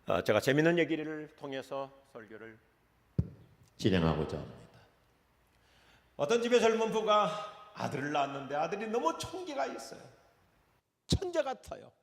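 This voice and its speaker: A male pastor tells jokes in his sermon, his voice animated and gravelly. His slightly high voice rings through a church hall with long reverb. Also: normal speed, pauses often. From Chungcheong, Korea. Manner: storytelling with jokes, acts out characters. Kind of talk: humorous sermon. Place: church sanctuary.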